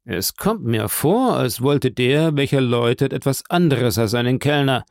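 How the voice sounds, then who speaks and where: A man voicing a police brigadier in an audiobook, giving deliberate orders. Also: medium pitch, lively intonation, no echo, studio quality, natural voice. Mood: commanding. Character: gruff police brigadier, authoritative and brisk.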